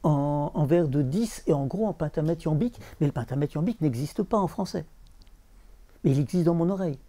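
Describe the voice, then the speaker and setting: A man talking as a literary translator before an audience, halting, repeating words and chanting verse rhythms. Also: on the high side, expressive, dark tone. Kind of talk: bookshop talk with audience.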